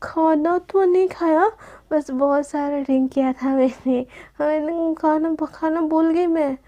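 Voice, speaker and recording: A woman's voice: sits high, steady tone, unhurried, mellow, dull audio. A woman voicing a drunk, clingy young woman who drags her words out and whines like a child. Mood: drunk affectionate.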